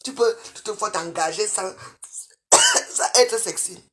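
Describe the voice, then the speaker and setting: A woman's voice: mid-range voice, huge pitch swings, slow, very noisy. Combative woman ranting on a phone livestream. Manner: combative, scolding, swings from loud to murmured. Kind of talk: live video rant at viewers. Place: her bedroom.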